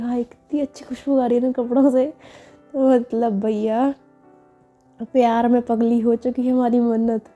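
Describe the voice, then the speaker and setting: A woman's voice: on the high side, dark tone, highs cut off. A woman narrating a story in a casual, chatty way, with conversational asides.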